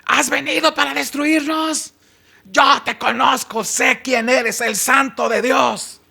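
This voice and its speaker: A preacher putting on a shrieking unclean demon. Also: male voice, fairly even intonation, slow pace, vocal fry, bright, forceful tone, slightly rough, exaggerated voice. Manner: high piercing screech.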